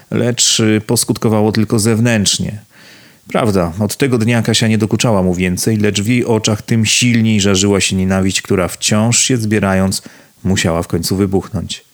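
A man narrating a novel as an audiobook in a measured, even delivery. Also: on the low side. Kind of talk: scripted narration.

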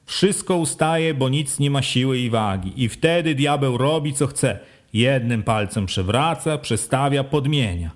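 A man's voice: medium pitch, lively intonation, measured pace, hardly any pauses, close to an everyday voice. A man doing a grave old wandering beggar. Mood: warning. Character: old wandering male beggar, solemn, pious, brooding.

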